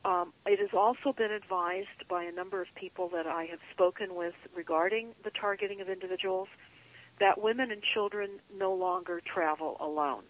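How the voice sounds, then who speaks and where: A woman guest on a call-in show, speaking in an earnest, deliberate, emphatic way, like a paranoid late-night rant with drawn-out phrases. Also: medium pitch, steady tone, low-quality recording. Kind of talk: earnest conspiracy monologue.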